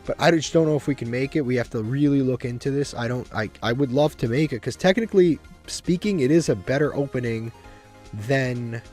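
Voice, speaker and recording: A man at an ordinary pitch talks through a card game in a flat, monotone way, his voice a little congested from a cold. He rambles, restarts sentences and corrects himself as he goes. Soft music plays quietly behind him. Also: brisk. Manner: monotone, self-described. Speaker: gaming video host. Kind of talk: casual gameplay commentary.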